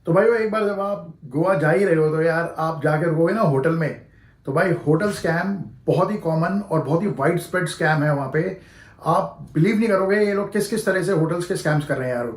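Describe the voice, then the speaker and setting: A man's voice: sits high, brisk. A man, talking casually to his viewers as a travel vlogger, often calling them "yaar" and "bhai" and slipping into English phrases. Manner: chatty, peppers speech with "yaar" and "bhai", mixes in English phrases. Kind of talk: casual explanatory vlog. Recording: echoey room.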